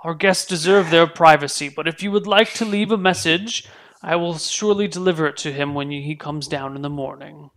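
A man acts out a firm innkeeper in a tabletop game, affronted and formal. The voice is gravelly and slightly high, protective and indignant. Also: fairly quick, a bit bright. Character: firm, affronted innkeeper guarding guests' privacy.

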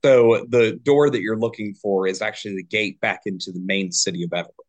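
A man's voice: on the low side, steady tone, a little fast, dull audio. A man narrating descriptively as game master of a tabletop role-playing game.

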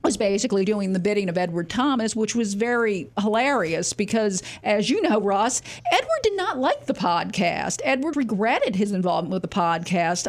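A woman podcaster and journalist talking in a casual interview, measured and earnest, recounting events with frequent restarts. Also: mid-range voice. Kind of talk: casual radio talk interview.

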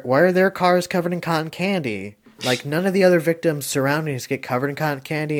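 A man with a medium-pitched voice hosts a casual podcast movie review. He rambles and hesitates, filling gaps with lots of ums and likes, and chuckles now and then.

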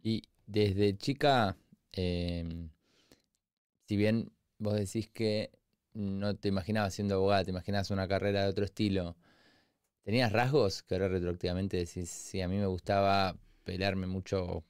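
Male host, Rioplatense Spanish accent, very low and clear voice, dry close mic. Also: level tone, normal speed, darkish tone, dry recording. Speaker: interviewer, host. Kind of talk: interview conversation.

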